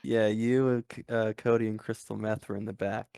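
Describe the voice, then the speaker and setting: A man's voice: on the low side, little pitch movement, a little fast, vocal fry, darkish tone, clean tone, no echo, studio quality. A young man co-hosting a podcast, laid-back and joking in casual chat. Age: young adult. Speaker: podcast co-host.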